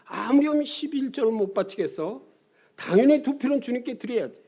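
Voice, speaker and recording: Older man voicing a boastful churchgoer, quick-tempered, raised pitch, mellow. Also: lively intonation, breathy edge, full character voice. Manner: bragging, then indignant.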